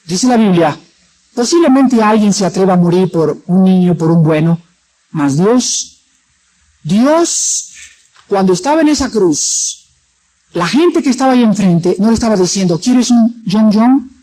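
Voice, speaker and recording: A man preaching a sermon in a church, dramatic, acting out quoted voices and moving between loud and soft. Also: high voice, expressive, measured pace, poor audio.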